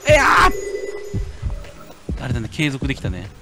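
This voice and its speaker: A man giving lively let's-play commentary on a horror game, muttering to himself and then yelling at scares. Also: very fast, over music. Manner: animated, jumps from low mutters to yelps and shouts. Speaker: game streamer.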